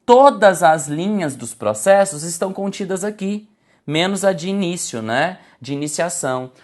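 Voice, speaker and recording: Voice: mid-range voice, expressive, normal speed. An exam-prep instructor teaching an online slide lecture, speaking didactically, addressing the class as "gente", checking in with "tá?" and shifting intonation to illustrate points.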